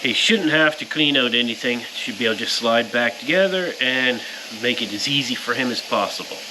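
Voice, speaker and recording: Animated and fairly quick, a medium-pitched powder coater presents his shop's work to viewers. His narration from the powder coating workshop is casual, plain-spoken and explanatory as he works hands-on. Background shop noise is clearly heard.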